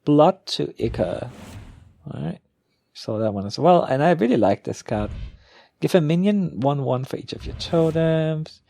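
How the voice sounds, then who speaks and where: A man's voice: a little high, lively intonation, a little slow, gravelly, dark tone. A man giving casual, off-the-cuff commentary as a gamer, thinking aloud and often trailing off. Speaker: gamer opening card packs.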